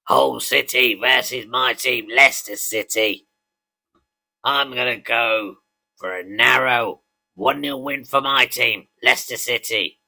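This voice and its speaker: A synthetic male voice playing a talking dog that reads out football predictions in a flat, even way. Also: medium pitch, measured pace, vocal fry, heavily acted. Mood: matter-of-fact. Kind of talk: scripted predictions.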